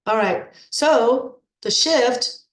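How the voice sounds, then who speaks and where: A middle-aged female nutrition coach, congested from a cold, speaks extremely slowly in a fairly high voice. She's chatty and repetitive, repeating words when she restarts, as she gives an informal coaching talk to program members in an echoey room.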